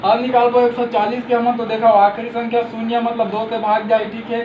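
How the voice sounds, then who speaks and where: A man with a Chhattisgarhi accent teaches a math lesson in a very high voice. He explains patiently and closes every step with "okay". The recording is roomy and dull, with faint hiss behind him. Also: little pitch movement, brisk.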